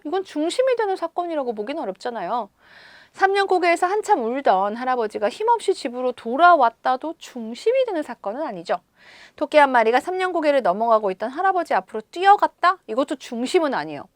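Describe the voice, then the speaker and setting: A woman teacher explaining a story to schoolchildren, expressive and full of questions to her pupils. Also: high-pitched, dry recording. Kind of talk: reading-comprehension lesson.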